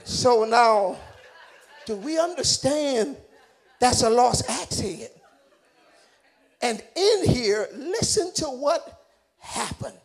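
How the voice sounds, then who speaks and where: A middle-aged man preaching a sermon as a guest preacher, swinging between shouts and hushed lines. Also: extremely high pitch, lively intonation, slow pace, pauses often. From Atlanta, Georgia, US.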